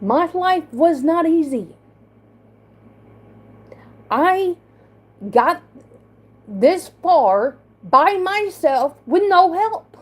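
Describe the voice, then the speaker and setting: Woman with a slight speech impediment, very high voice, slow, halting and defensive, livestream talk. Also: sing-song. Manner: halting, repeats and restarts words, defensive. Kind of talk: emotional livestream monologue.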